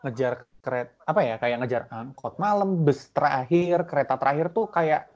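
A co-host, chatting casually and adding quick asides. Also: medium pitch, darkish tone, dull audio. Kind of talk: casual chat.

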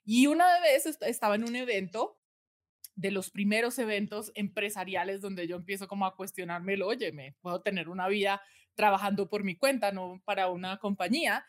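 A woman's voice: medium pitch, moderate pace. A woman from Colombia, a communication expert telling her story earnestly as a podcast guest and often checking in with the listener. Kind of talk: conversational podcast interview.

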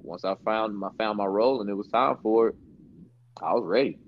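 A young man, a basketball trainer, telling a story in a relaxed and slangy way as a podcast guest. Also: lowish voice, a little fast. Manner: laid-back, slangy, laughs while telling stories. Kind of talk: casual storytelling interview. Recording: dull lo-fi sound.

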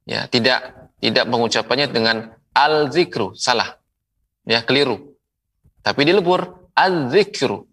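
A man giving a televised Quran recitation lesson, drawing out each example word slowly and deliberately. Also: medium pitch, animated, creaky, pushed and bright. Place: television studio. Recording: voice slightly distant from the mic.

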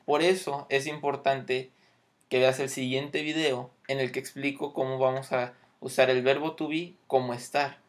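A man's voice: mid-range voice, level tone, moderate pace. A man teaching English grammar, explaining patiently and checking in often.

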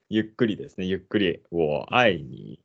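A man with a very deep voice hosts a language-learning podcast. He reads sentences aloud at a measured pace, then slips into hesitant, filler-heavy chat. The audio is muffled and lo-fi. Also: fairly even intonation. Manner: unhurried reading; hesitant chat with many fillers. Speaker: podcast host.

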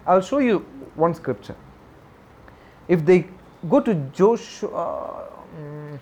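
High-voiced man preaching a sermon. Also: a little mellow. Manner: emphatic, repeats key phrases, reads scripture aloud; asks the congregation questions. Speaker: pastor.

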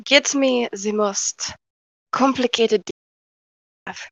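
Slow, gravelly-voiced woman playing a tabletop game. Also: on the high side, no room sound, poor audio. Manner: slow, playful, giggly narration of her character. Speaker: player. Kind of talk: tabletop role-play over voice chat.

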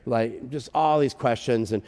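A male pastor telling a story in a sermon, animated and self-deprecating. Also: mid-range voice, unhurried. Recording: long reverb in a church hall.

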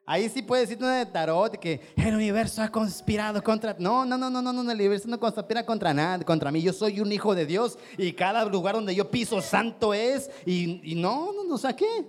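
Standing before a congregation, a male pastor with a Mexican Spanish accent preaches briskly in a high voice with few pauses. He is emphatic and repetitive, peppering his listeners with rhetorical questions.

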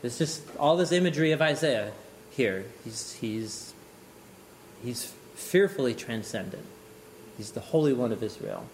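A man teaching an informal lecture on scripture, animated and often chuckling, thinking aloud with restarts. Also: mid-range voice, unhurried, a little hiss or hum. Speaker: Bible teacher.

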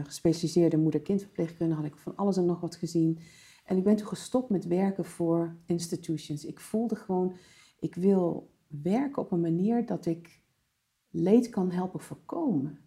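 A woman's voice: lowish voice, creaky, warm tone. A woman, a birth photographer and former maternity nurse, telling a vivid story in a conversational interview, mixing in English terms.

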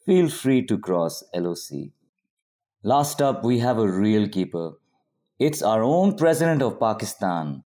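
A man's voice: on the low side, very animated, unhurried, mellow. A man performing a spoken word poem as rhythmic, rhyming auctioneer patter. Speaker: poet.

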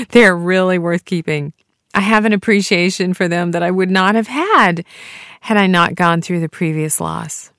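A woman hosting a solo devotional podcast, talking in a heartfelt, earnest way with soft laughs. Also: lowish voice, a little slow, no echo, studio quality. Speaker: podcast host.

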